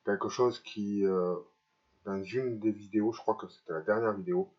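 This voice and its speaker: Male vlogger, lowish voice, speaking with braces, hesitant confessional delivery, slightly muffled lo-fi sound. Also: steady tone, normal speed, a little mellow. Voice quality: speech slightly impeded by dental braces. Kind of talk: personal vlog confession to camera.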